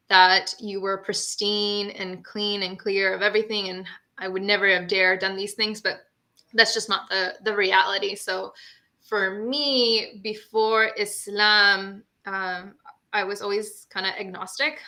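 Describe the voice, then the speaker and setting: A woman's voice: medium pitch, bright, forceful tone. A young woman from Honduras, a guest on an online talk show, telling her own story in an earnest, candid way with frequent fillers. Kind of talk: personal storytelling in a live-stream talk.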